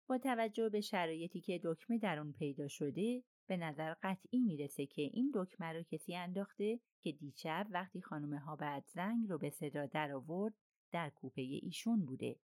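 A woman's voice: fairly low pitch, lively intonation, a little mellow, no room sound, natural voice. A woman reading a grave male railway director. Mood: pressing. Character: firm, earnest male railway company director.

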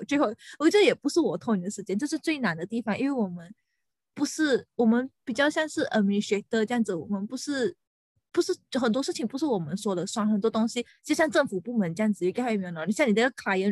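Venting young woman, high and dry. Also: no room sound. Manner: venting, animated, mixes in English words. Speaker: podcast co-host, lawyer. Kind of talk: casual chat.

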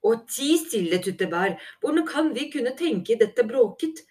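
A woman voicing a brisk male animal captain in a fantasy audiobook, exasperated and commanding. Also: a little high, big pitch swings, a little mellow, far from the mic, voice pushed up.

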